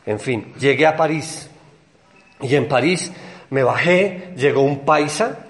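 A young Colombian man telling a personal anecdote in a rambling, excitable way. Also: mid-range voice. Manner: excited, rambling, quick storytelling with laughs.

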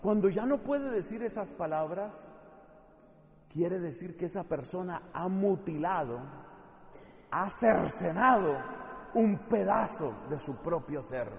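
A man with a high voice preaches in a big hall, and his words ring out with a long echo. He moves between loud, pleading stretches and quiet, searching questions. His delivery is impassioned. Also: expressive, slow pace, vocal fry. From not from Spain. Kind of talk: sermon. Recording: echoey hall with long reverb.

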